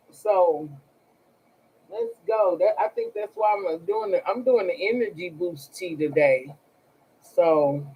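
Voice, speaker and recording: A woman's voice: fairly low pitch, darkish tone, slight background noise, poor audio. A woman chatting casually on a livestream as a tarot reader, blunt and profane, talking straight to her viewers. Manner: blunt and profane, talks to chat directly.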